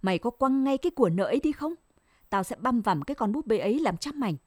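A woman's voice: mid-range voice, animated, fairly quick, no echo, clean studio sound, close to an everyday voice. A woman voicing a distraught young mother who is bitter and furious in a read-aloud story.

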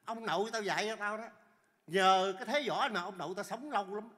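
A male comedian playing a loud, cocky country man who brags about his wealth in a stage sketch. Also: sits high, brisk, long reverb tail. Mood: bantering. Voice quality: loud, excitable, bragging.

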